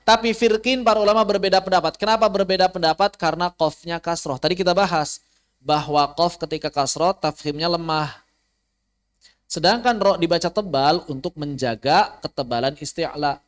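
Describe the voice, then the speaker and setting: A man teaching Quran recitation rules in an online class, explaining plainly and chanting example words slowly. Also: fairly high pitch. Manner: addresses students directly, invites questions. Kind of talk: online tajwid lesson. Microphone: online class recording.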